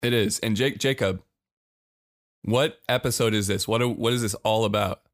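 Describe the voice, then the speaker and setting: A man's voice: on the low side, fairly even intonation, moderate pace, no room sound, clean studio sound. A man co-hosting a casual podcast, talking in a hyped, announcer-like way. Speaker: podcast co-host.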